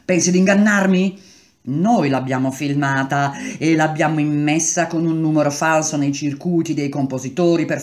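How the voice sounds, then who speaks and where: A man's voice: a little high, natural voice. A man voicing a scheming male traitor villain in a read-aloud novel, taunting and drawn out. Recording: roomy echo.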